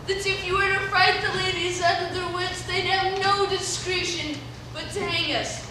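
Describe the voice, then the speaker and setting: A woman playing a boastful, stagestruck male weaver in a grandiose, declamatory manner in an amateur Shakespeare comedy. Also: very high-pitched. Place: echoey performance space, recorded from a distance. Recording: echoey, noisy hall from far off.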